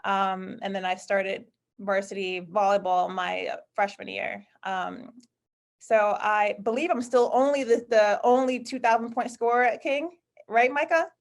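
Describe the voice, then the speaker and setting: A woman's voice: mid-range voice, fairly even intonation, a little slow, gravelly. A woman in her thirties from Connecticut, speaking as a guest on a panel, friendly and rambling, with many fillers and self-corrections. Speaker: guest speaker, college basketball staff. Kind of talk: casual panel talk on a video call.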